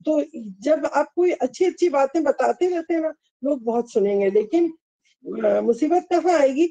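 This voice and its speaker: Earnest high-voiced woman giving a religious talk. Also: no room sound, rough recording. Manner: earnest, pleading, gently exhorting. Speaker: religious lecturer.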